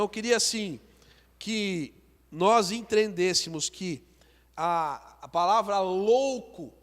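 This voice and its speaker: Brazilian man preaching, high voice, conversational, long church reverb. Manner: conversational preaching, reads scripture slowly and loudly, acts out little dialogues. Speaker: pastor. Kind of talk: sermon at a prayer service. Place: church sanctuary.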